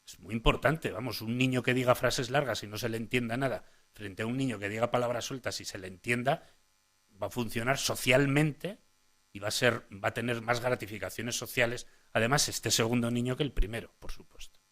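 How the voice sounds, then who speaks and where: A man's voice: medium pitch, a little fast, fairly bright tone. A man giving a conference lecture on child speech as a language psychologist, often restarting phrases and adding "eh?" tags as he points the audience to his slides. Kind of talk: conference lecture to parents and professionals.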